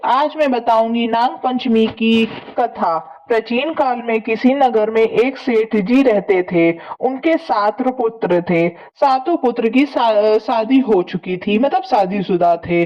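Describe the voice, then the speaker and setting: A woman hosting an astrology channel, narrating a devotional folk tale slowly and plainly, with small self-corrections. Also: fairly high pitch, darkish tone, dull audio. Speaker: astrology channel host and storyteller.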